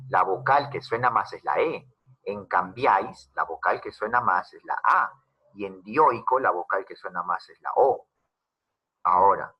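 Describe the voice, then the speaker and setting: Male teacher, bright slightly husky tone, patient step-by-step classroom explanation. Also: fairly low pitch. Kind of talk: classroom grammar lesson.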